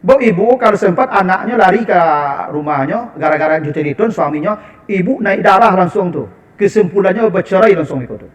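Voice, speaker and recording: A man with a Minangkabau accent preaching a lively, humorous sermon and speaking directly to the women in the audience. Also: high voice, fairly quick. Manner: animated, humorous, addressing the women as "ibu".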